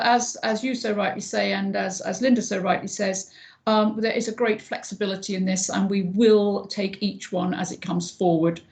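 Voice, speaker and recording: A man chairing a council committee on a video call, courteous and halting, thanking each speaker. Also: high voice, gravelly.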